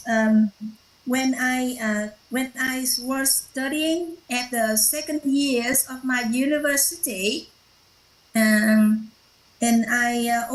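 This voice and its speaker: A woman whose first language is Vietnamese shares a personal story at a workshop, halting often with fillers and restarts. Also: high-pitched, roomy sound, rough recording. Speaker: workshop participant.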